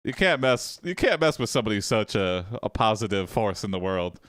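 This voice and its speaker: A man hosting an AI text adventure, commenting casually in an amused, drawn-out way with frequent laughs. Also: on the low side, big pitch swings, a bit bright, no echo, studio quality. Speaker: host playing an AI text adventure.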